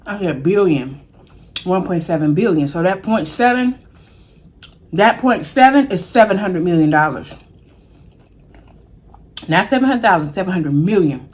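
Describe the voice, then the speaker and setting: A woman's voice: on the low side, animated, a little mellow. A woman chatting casually and colloquially to viewers while eating crunchy fried chicken in a mukbang vlog. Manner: folksy, colloquial, drawn-out exclamations. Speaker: mukbang vlogger.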